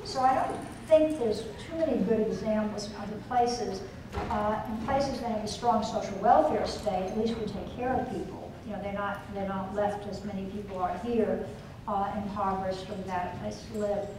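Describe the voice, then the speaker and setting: An older woman delivers a keynote lecture in a large conference hall and takes audience questions, thoughtful and hesitant with many fillers. Her mid-range voice is fairly even and at normal speed, heard from a distance in a noisy, echoey hall.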